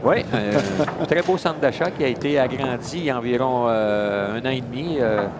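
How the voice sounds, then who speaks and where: Loud crowd noise surrounds a man doing live color commentary at a bowling event in a shopping mall. His voice is medium-pitched and moderately paced, and he keeps hesitating, using fillers and starting over.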